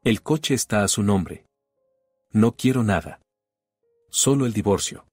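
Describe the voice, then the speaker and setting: A man reading the lines of a weary wronged wife who speaks calmly and firmly, with few words. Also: fairly low pitch, measured pace, husky, dry recording, studio quality, faint music behind. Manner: cool, resolute, sparing words.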